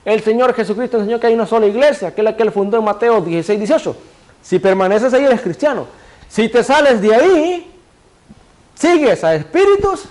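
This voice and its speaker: Male preacher, high voice, sermon delivery, rhetorical questions answered himself, cues a reader to repeat verses. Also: lively intonation, brisk, a little mellow. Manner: asks the congregation rhetorical questions and answers them; directs a reader to repeat scripture phrases.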